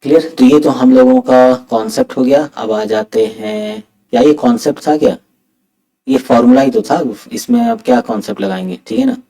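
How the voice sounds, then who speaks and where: A man teaching an exam-prep math lesson, talking softly on purpose late at night at home and mixing Hindi with English. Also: medium pitch, sing-song, a little fast, creaky, low-quality recording. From India.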